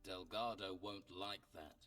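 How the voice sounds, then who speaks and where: An actor playing a terse, unfazed adventurer in a video game, speaking in a curt, matter-of-fact way. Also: male voice, sits low, steady tone, unhurried, a bit bright, far from the mic, faint music behind. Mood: cool, blunt. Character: blunt, terse male adventurer hero, cool and unfazed.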